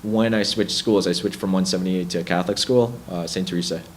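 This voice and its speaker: Young guy with a really low voice, laid back storytelling, slight room hiss. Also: fast, low-quality recording. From Bronx, New York. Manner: relaxed, reflective storytelling with hesitant restarts. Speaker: musician guest. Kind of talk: casual interview chat.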